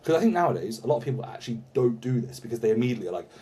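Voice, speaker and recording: A man hosting a podcast, chatting casually with animated banter and frequent swearing. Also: mid-range voice, rapid-fire, a little hiss or hum. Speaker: podcast host.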